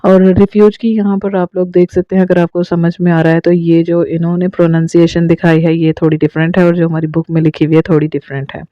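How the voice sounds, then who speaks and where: A woman's voice: fairly low pitch, flat delivery, a little fast, hardly any pauses, no echo, lo-fi sound. A woman English teacher giving an online class, explaining step by step with frequent fillers, recorded on a phone.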